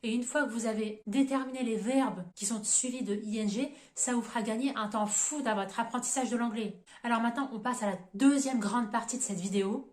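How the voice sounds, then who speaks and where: Woman teaching grammar in a roomy echo. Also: fairly high pitch. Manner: methodical, spells out letters, reads examples slowly. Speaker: English teacher on her own channel. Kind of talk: explanatory grammar lesson.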